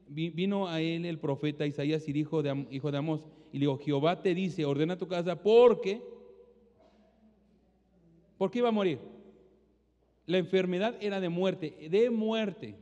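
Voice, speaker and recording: A male pastor delivering a Spanish-language sermon with call-and-response, swinging between loud exhortation and quiet, low asides. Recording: dull, long-reverb hall sound.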